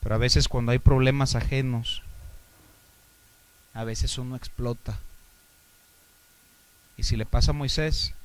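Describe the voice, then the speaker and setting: Preaching with a Mexican Spanish accent, this pastor from Mexico asks his congregation rhetorical questions at a measured pace, leaving long pauses. His mid-range voice keeps a steady tone while he alternates between forceful exhortation and soft asides.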